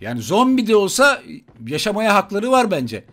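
Excitable high-voiced man gaming. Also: normal speed. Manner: excitable, swears playfully, talks to viewers and enemies. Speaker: gaming YouTuber. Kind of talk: mobile shooter gameplay commentary. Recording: gunfire and game noise behind.

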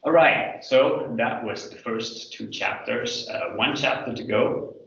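A man presenting his PhD thesis defense as an academic slide talk, explaining in a hesitant, hedging, halting way. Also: medium pitch, creaky, fairly bright tone, a little hiss or hum. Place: indoor room, online video call. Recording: echoey room, distant mic, dull video-call sound.

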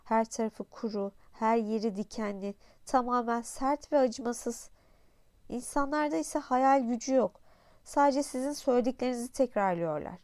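A woman narrating an audiobook in a calm, even storytelling manner. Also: fairly high pitch, normal speed, dry recording.

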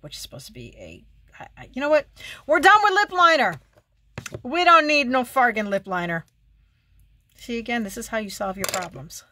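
A woman's voice: medium pitch, pushed and bright, slightly rough. A woman chatting casually through her makeup routine at home, full of wry remarks and muttered asides to herself. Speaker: beauty vlogger. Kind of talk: casual get-ready-with-me chat. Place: at home, seated while doing makeup.

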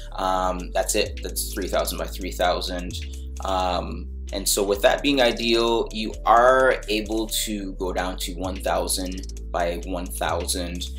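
A music producer from Barbados with a deep male voice casually talks through a screen-recorded design tutorial. He stays relaxed, with plenty of ums and restarts along the way.

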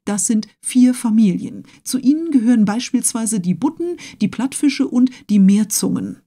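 A tireless, pedantic young man lists facts with unwavering precision, as a woman reading a storybook puts him on. The voice sits a little above her usual pitch, with a mellow, soft tone. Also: expressive, moderate pace. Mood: lecturing. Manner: lecturing, precise listing. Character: pedantic learned male servant, tireless.

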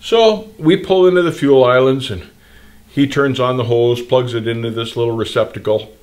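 A man's voice: mid-range voice, normal speed, darkish tone. An older man hosting a trucking channel, speaking straight to camera in blunt, plain-spoken, indignant advice talk and gesturing broadly, recorded in a small indoor studio.

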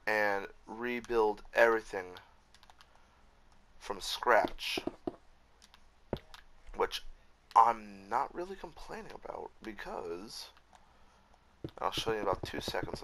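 Man, gravelly low voice, bright edge, casual game commentary, swears a lot. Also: expressive, slow pace, pauses often, slight background noise. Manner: frustrated, swears often, self-correcting. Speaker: Minecraft YouTuber.

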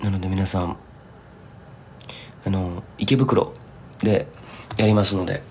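A young man from Kumamoto, Japan, a singer-songwriter, chats casually with fans on a live stream, rambling and drifting into thick Kumamoto dialect. His deep voice is warm and unhurried, with fairly even intonation. There's slight background noise.

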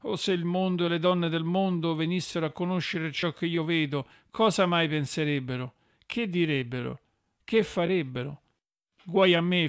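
A man's voice: on the high side, smooth, no echo, studio quality, natural voice. A man reading as a despairing old sinful woman. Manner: wailing lament, pleading. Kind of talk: audiobook reading.

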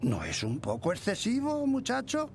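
An actor playing a gruff, loyal old dwarf warrior in a video game, earnest and cautioning. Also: male voice, very high-pitched, wildly swooping pitch, normal speed, darkish tone, a little hiss or hum, heavily acted. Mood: reproachful. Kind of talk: video game cutscene acting.

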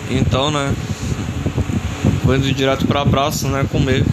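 A man's voice: moderate pace, heavy background noise. An eighteen-year-old man with a Brazilian accent, casually commenting over a mobile football game, repeating himself and tagging phrases with questions. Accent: Brazilian Portuguese. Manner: repetitive, chatty, tag questions after every phrase; bursts into high excited shouting at plays. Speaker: gaming channel host.

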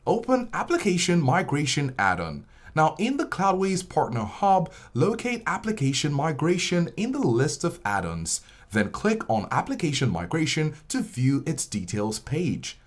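This is a scripted tutorial narrator who walks through software steps one after another in an even instructional manner. The pitch is lively and swings widely across phrases. It is a voice-over laid over screen footage. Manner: steady step-by-step instructional delivery.

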